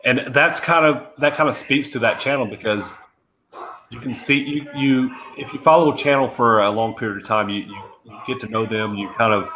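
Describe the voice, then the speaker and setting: Bright-voiced man on a lo-fi call. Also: medium pitch, moderate pace, a little hiss or hum. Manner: easygoing, filler-heavy, encouraging. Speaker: channel host on a video-call panel. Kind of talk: casual chat. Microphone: video call. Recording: dull lo-fi video call audio.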